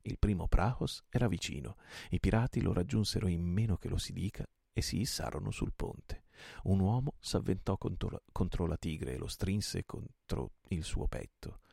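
A man narrates an old adventure novel for a night-time reading, with dramatic, lively phrasing. His voice is low and husky with heavy fry, recorded dry and close. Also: normal speed, dry recording. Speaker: audiobook reader.

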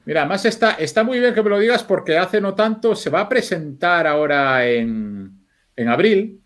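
Chatty man, slightly high voice. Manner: loose, swearing storyteller, thinks aloud with restarts. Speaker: film editor guest. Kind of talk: casual podcast chat.

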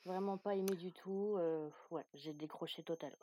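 Invitée franche à la voix grave et feutrée. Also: female voice, fairly low pitch. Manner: candid, relaxed, quick answers. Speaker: podcast guest. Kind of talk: casual interview answers.

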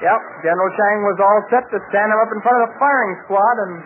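An actor playing an earnest, talkative American youth in a 1940s radio adventure serial, with an American accent. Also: male voice, high voice, fast, close to an everyday voice. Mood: chatty. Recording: tinny, faintly hissy 1940s radio recording.

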